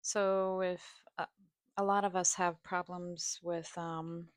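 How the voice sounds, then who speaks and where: A woman vlogging in a rambling, personal way, halting and hesitant, with vocal fry and a sometimes scratchy voice. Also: fairly low pitch, level tone, dry recording. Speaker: video host. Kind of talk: rambling personal vlog, partly reading a study aloud.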